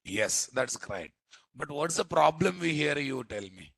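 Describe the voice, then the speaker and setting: A man's voice: fairly high pitch, very animated, measured pace, creaky, a bit bright, breathy edge, dry recording. An Indian-accented man teaching programming in a live coding lecture, repeatedly quizzing his listeners with questions. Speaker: programming instructor.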